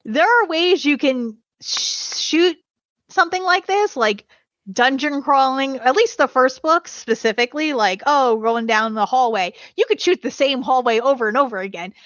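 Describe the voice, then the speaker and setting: A woman's voice: high voice, normal speed, fairly bright tone, dry recording, highs cut off. A woman chatting casually as a podcast guest, laughing often as she talks. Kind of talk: casual chat.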